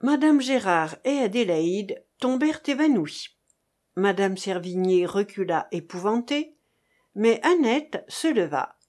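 A woman narrating a chapter of a novel as an audiobook, with a measured, dramatic reading. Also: mid-range voice, lively intonation, darkish tone. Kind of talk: scripted narration.

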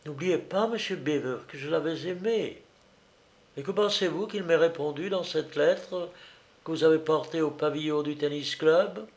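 A man's voice: a little high, normal speed, voice pushed up, lightly acted. A man voicing a distraught young woman who pleads and blames herself. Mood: remorseful.

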